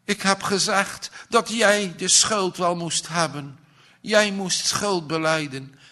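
A man's voice: sits high, slow, pushed and bright, pitched above the performer's own voice, heavily acted. A man reading aloud voices a distraught, tender middle-aged aunt begging forgiveness. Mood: tearful pleading. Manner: emotional, imploring.

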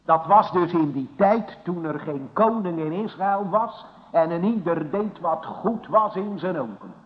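In a church, a man preaches a solemn, emphatic sermon, putting rhetorical questions to his listeners as his volume rises and falls. His voice is high-pitched, expressive, and unhurried, captured on a lo-fi recording with long church reverb.

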